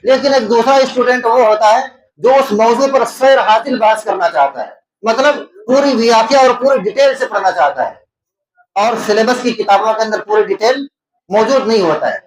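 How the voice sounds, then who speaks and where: Man, high voice, Indian Urdu accent, exam-prep teacher, asks and answers his own questions, echoey room. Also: crowd noise. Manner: repeats key terms and explains them.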